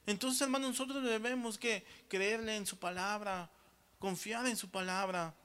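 A man's voice: high-pitched, fairly even intonation, normal speed, pushed and bright, smooth. A man preaching a sermon, often calling the congregation brothers and checking in with them after each point. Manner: addresses listeners as brothers.

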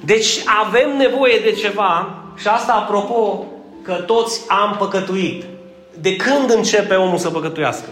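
Male preacher with a lilt, high voice, quizzes and teases his congregation, in a roomy church with soft music. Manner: joking, asks the congregation questions. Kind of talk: conversational sermon with congregation call-and-response.

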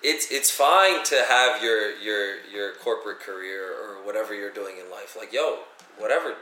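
A man's voice: fairly low pitch, lively intonation, moderate pace, sharp tone, echoey room, far from the mic, slight background noise. A young man co-hosting a casual podcast chat, telling stories emphatically. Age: young adult. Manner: emphatic, storytelling with repeated "like". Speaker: podcast co-host, event DJ/MC.

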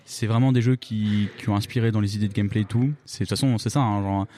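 A man's voice: lowish voice, steady tone, fast talker, warm tone, slight background noise. A man, the project lead of a game jam team, chatting casually in an interview, rambling and joking with lots of fillers. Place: busy game jam venue.

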